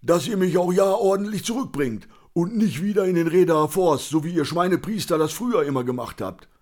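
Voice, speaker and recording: Crusty old street brawler, scornful and barking, voiced higher by a male audiobook reader. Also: lively intonation, fairly quick, darkish tone. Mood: mocking. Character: grumpy aging homeless man, foul-mouthed brawler.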